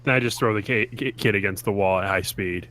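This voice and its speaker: A man's voice: fairly low pitch, a little fast, a bit bright. A man playing a tabletop game, casually and jokingly describing his character's actions. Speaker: player. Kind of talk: casual tabletop role-play.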